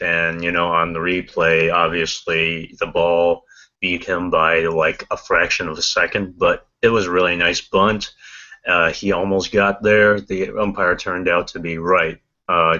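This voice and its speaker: A man's voice: low-pitched, sharp tone. A man co-hosting a podcast in casual chat, rambling with many restarts and fillers. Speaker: podcast co-host. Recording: dull lo-fi podcast audio.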